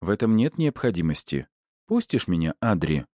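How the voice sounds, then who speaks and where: A man reading an audiobook, voicing a warm, gentle middle-aged mother who speaks softly. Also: sits low, big pitch swings, moderate pace, dry recording, clean studio sound. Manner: soft, kindly.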